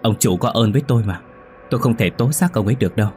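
A man's voice: on the low side, racing, a little mellow, soft background music, natural voice. A man reading the lines of a timid, guilt-ridden middle-aged husband, speaking shakily. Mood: fearful. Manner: shaky, hesitant.

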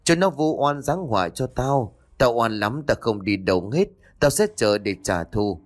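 A man's voice: mid-range voice, animated, normal speed, lightly acted. A man voicing a vengeful young female ghost, a wronged mother, with bitter accusations in a ghost story. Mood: bitter wailing.

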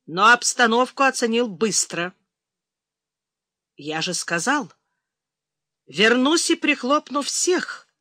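A woman reading a crime thriller audiobook, giving the characters livelier, louder voices in dialogue. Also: no room sound, studio quality. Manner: reads all characters, raising pitch and force for quarrelsome lines. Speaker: audiobook narrator. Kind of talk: audiobook narration.

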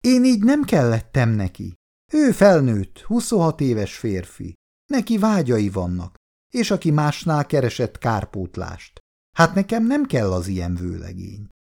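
A man's voice: mid-range voice, wildly swooping pitch, creaky, a little mellow. A man reading aloud and voicing an earnest, sensitive young woman. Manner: earnest, hurt.

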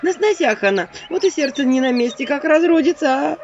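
A woman's voice: high-pitched, lively intonation, fairly quick, darkish tone, pitched above the performer's own voice. A woman voicing a sly, fawning village woman with a syrupy, wailing way of pleading. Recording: dull audio with faint noise.

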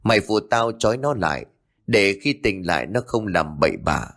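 A man voicing a level-headed young man who tells his hot-tempered friend to calm down, in a told ghost story. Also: sits low, moderate pace, full character voice. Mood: steady. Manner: urging calm, commanding.

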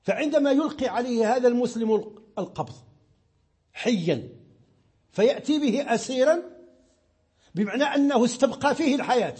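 A middle-aged Moroccan man teaching Islamic law in a religious lesson. His voice sits high for a man and has a husky grain. He explains patiently, often repeating a word while he searches for the next one. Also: animated, fairly quick, pauses often, a little mellow.

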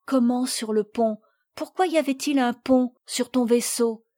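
A woman's voice: a little high, a little slow, mellow, no echo, clean studio sound, natural voice. Woman reading as a curious little girl. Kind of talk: audiobook reading.

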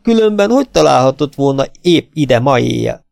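A man's voice: big pitch swings, creaky, a little mellow, dry recording, studio quality. A man voicing a distraught, defiant young woman in an audiobook, speaking with emphatic, pleading insistence. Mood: upset defiant. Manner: raised pitch, emphatic, pleading.

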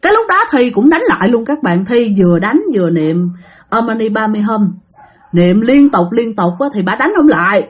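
A woman telling a spooky story in a casual, chatty way, speaking straight to her listeners. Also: a little high. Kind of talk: casual spoken ghost story.

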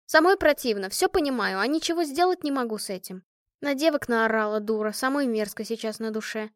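A woman's voice: a little high, animated, fairly quick, dry recording, clean studio sound, close to an everyday voice. Woman voicing a worn-out tough orphan girl soldier. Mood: weary bitter. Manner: bitter, tearful, coarse.

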